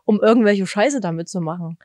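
A woman's voice: medium pitch, fairly quick, a little mellow, no echo. A youngish woman co-hosting a morning radio podcast, telling anecdotes in casual, blunt slang into a close handheld microphone. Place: small radio studio on a sofa, indoors. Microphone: handheld microphone held close.

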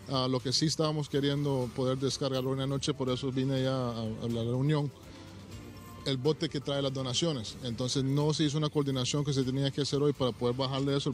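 A middle-aged man from Honduras, a mayor speaking outdoors at night into a reporter's handheld mic, blunt and urgent. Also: medium pitch. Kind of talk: live news interview. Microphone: reporter's handheld microphone.

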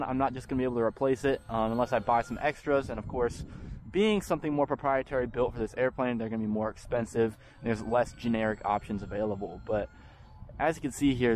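A young man with a mid-range voice hosts a hobby channel, flying a model plane out in an open park field. The audio is poor, and he talks in a relaxed, chatty way with frequent ums.

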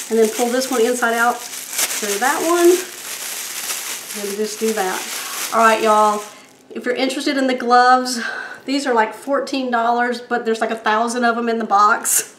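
A middle-aged woman hosts a home cooking demonstration in her kitchen, chatting folksily with viewers and checking in with them as she makes a recipe. Her voice is on the high side and fairly bright, recorded in an echoey kitchen with faint noise.

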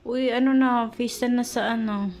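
A woman's voice: a little high, steady tone, moderate pace, darkish tone, slight background noise. A young pregnant woman chatting casually to her vlog viewers, rambling and searching for words with many fillers, a little short of breath. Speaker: vlogger.

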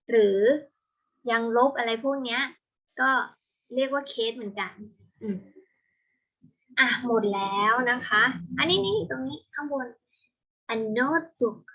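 A young woman teaching an English vocabulary lesson, explaining patiently step by step and slowing down on each English word. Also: fairly high pitch, husky. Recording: dull lo-fi home recording.

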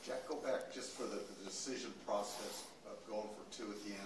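Male reporter, lowish voice, asking questions at a sports press conference. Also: fairly even intonation, a little fast, crowd noise.

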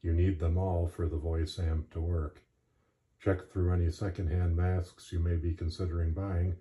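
A man with a very low, mellow voice presents a step-by-step demonstration. His delivery is measured and matter-of-fact, with a flat, steady intonation. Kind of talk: instructional narration.

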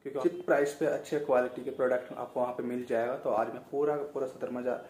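A young man speaking to his camera indoors, introducing his vlog in a calm, quiet voice. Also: medium pitch, fast talker, roomy sound. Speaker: vlogger. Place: small indoor room. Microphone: phone at arm's length.

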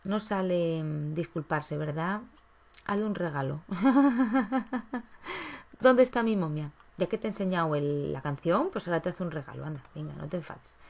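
A woman's voice: fairly low pitch, vocal fry, a little mellow. A woman giving chatty gameplay commentary, coaxing the characters on screen as she plays. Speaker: gaming YouTuber.

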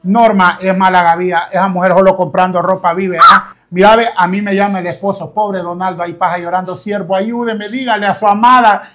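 A man's voice: high voice, level tone, brisk, hardly any pauses, bright, forceful tone. A man playing a fretful, talkative husband in a comic sketch. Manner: fretful, talkative, uses voseo.

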